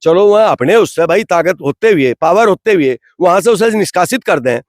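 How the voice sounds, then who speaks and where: A man's voice: sits high, expressive, a little fast, no echo, studio quality. A man, giving an impassioned, indignant street interview full of rhetorical questions. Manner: rhetorical, indignant, repeats "bhai". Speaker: interviewee from the community.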